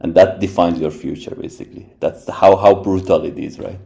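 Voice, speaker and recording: A deep, gravelly, dark voice, steady in tone and fairly quick. The speaker, a robotics professor from Iran, is a podcast guest discussing his background in casual interview talk, thoughtful, with lots of restarts and "right?" tags.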